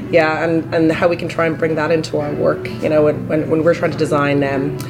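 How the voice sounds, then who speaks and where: A woman with a hoarse, croaky frog voice from a touch of flu, talking haltingly and thoughtfully as a guest in a casual interview. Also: sits low, little pitch movement, music in the background, low-quality recording. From Canada. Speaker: interview guest, credit union employee. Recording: busy conference chatter behind. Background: crowd at a conference.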